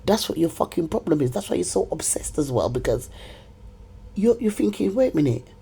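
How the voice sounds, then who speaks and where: A woman's voice: lowish voice, animated, brisk, vocal fry, warm tone, husky. A middle-aged woman delivering a confrontational monologue straight to camera, repeating herself and scolding someone who is not there. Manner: confrontational, repetitive, rants at an absent person.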